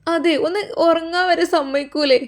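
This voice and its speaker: A woman's voice: extremely high pitch, fairly even intonation, normal speed, pitched above the performer's own voice. A woman voicing a young daughter-in-law who complains tearfully, speaking with a Malappuram Malayalam accent. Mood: whining. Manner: tearful, whining, accusing.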